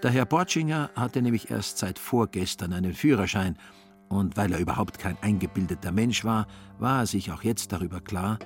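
Male narrator, low voice, measured and ironic literary reading. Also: soft background music.

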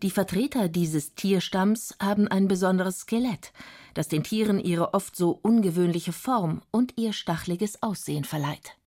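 A woman's voice: medium pitch, moderate pace, a little mellow. A woman reading scripted science narration for a radio documentary. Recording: music bed behind the voice. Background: music.

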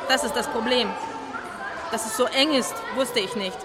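A woman's voice: fairly high pitch, normal speed, close to an everyday voice. A woman playing a teacher who speaks earnestly to the listener in a radio drama monologue. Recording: crowd and loud noise in a public place.

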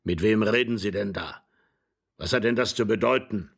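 Hoarse, curt tall gentleman, gravelly and clipped, as a reader plays him. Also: lowish voice, moderate pace. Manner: curt, muttering.

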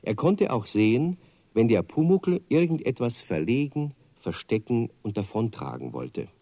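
A man narrating a children's radio play with lively, expressive storytelling. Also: fairly low pitch, creaky, no room sound.

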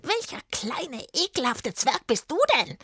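Woman voicing a cruel storybook witch: smoky, croaking, shrill. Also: sing-song, a little slow, a bit bright, dry recording, studio quality, heavily acted. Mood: sneering. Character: cruel old female witch.

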